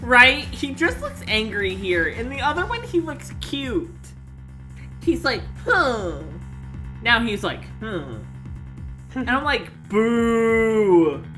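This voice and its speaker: Expressive, bright-voiced woman joking over a game. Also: sits high, measured pace. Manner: expressive, sweary, playful. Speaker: video game streamer reading and voicing dialogue. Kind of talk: casual joking game commentary with friends. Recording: game music behind the voice.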